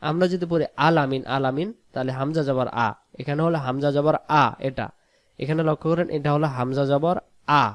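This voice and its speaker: A man teaching Quran pronunciation, quickly spelling out letters and vowels, then reciting the words slowly and drawn out. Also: on the high side, fairly even intonation, no echo. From Bangladesh. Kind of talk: pronunciation lesson.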